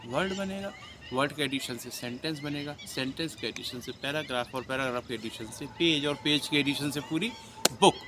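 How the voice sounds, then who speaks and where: A man giving a casual acting lesson, explaining and demonstrating words with shifts in pitch and loudness. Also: normal speed, background noise. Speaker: acting teacher.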